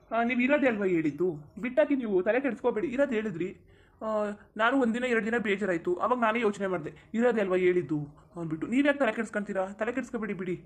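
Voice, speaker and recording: A performer voicing a young husband in a cartoon who calmly reassures his wife. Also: medium pitch, lightly acted. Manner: soothing, rapid reassurances. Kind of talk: cartoon voice acting.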